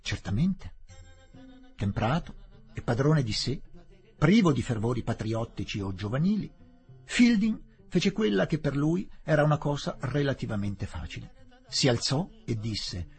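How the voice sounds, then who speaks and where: A man reading a novel aloud for radio in a measured, expressive manner. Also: mid-range voice, soft background music. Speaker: audiobook reader.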